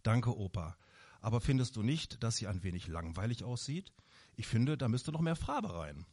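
A man's voice: mid-range voice, very animated, normal speed, a little mellow, slightly rough. A man voicing an eager little girl who questions her grandfather in a read-aloud Christmas story. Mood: chatty.

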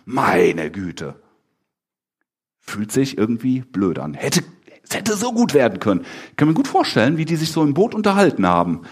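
Male preacher. Slightly husky, very animated delivery. Talks to his congregation conversationally. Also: mid-range voice, fairly quick. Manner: animated, asks the congregation questions, acts out the disciples' lines. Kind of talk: lively conversational sermon.

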